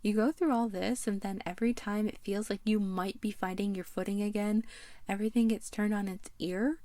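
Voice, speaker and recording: A woman's voice: mid-range voice, steady tone, a little fast, mellow, dry recording. A woman hosting a video essay, narrating a game recap in a chatty, playful way with fond asides. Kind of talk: casual game commentary narration.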